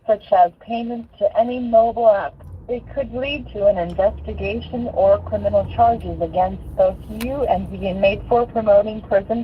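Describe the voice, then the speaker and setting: A woman reading a formal recorded call message, heard through an automated phone system. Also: medium pitch. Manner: even, formal announcement delivery. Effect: heard over a phone line. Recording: tinny phone line, faint hiss.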